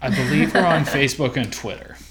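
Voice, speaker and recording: A man's voice: medium pitch, fairly quick, over a noisy crowd. Male podcast co-host, easygoing and rambling, casual sign-off delivery. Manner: relaxed, rambling with fillers.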